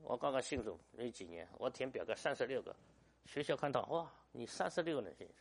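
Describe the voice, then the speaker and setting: A man's voice: mid-range voice, very animated, fairly quick, slightly rough. An older man, a pastor, preaching a sermon with emphatic rhetorical questions and stories.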